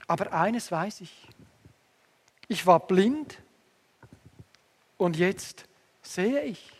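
A man voicing a healed blind man who insists plainly and slowly, with long hall reverb. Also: high voice, animated, breathy edge, full character voice. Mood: calm insistent.

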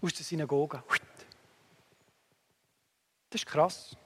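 A man preaching a sermon earnestly, moving between emphatic lines and hushed asides, with long hall reverb. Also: fairly high pitch, slow, noisy background.

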